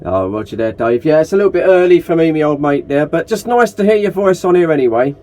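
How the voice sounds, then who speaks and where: Over a noisy, hissy CB radio transmission, a man acting as group net operator chats casually, friendly and polite, using call signs and radio jargon. His voice is on the high side, expressive and quick.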